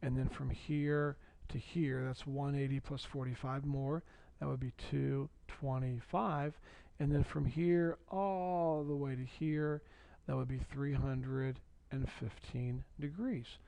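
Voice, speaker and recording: A man's voice: mid-range voice, steady tone, slow pace, creaky, warm tone, no room sound. A man teaching a precalculus video lesson, patiently walking through steps and repeating key points. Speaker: math teacher.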